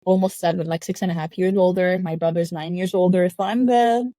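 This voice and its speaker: A young woman from Lebanon talks through her upbringing in a reflective, casual way, often breaking into a quick laugh. Her voice is mellow and warm, recorded dry and close. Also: lowish voice, steady tone, no echo. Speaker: guest. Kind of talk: casual interview chat. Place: home.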